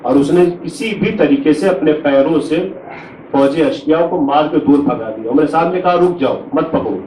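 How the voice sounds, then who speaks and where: A man's voice: on the high side, normal speed, warm tone. A man, a cleric, delivering a solemn, reverent mourning sermon with Arabic honorifics in a hall, recorded from a distant microphone. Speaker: Shia cleric preaching a majlis. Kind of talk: Urdu majlis sermon with lament recitation. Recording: echoey hall from far off, faint noise.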